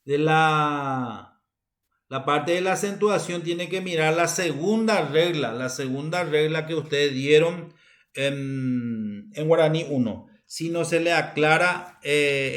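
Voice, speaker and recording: Slow, halting Paraguayan woman teacher. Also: sits low. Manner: unhurried, halting, repeats phrases. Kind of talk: recorded university lecture.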